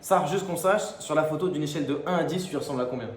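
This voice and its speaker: A man's voice: fairly high pitch, racing. A man listening to a friend's story, chiming in with short reactions and questions. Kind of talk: casual chat. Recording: echoey room with crowd noise.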